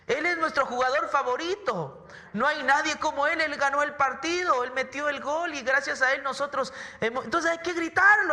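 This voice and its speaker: A male pastor preaching with a very high, piercing, bright voice. He drives his points home by repeating words and throwing questions at the congregation. His voice rings with a long reverb in the church hall. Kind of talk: sermon.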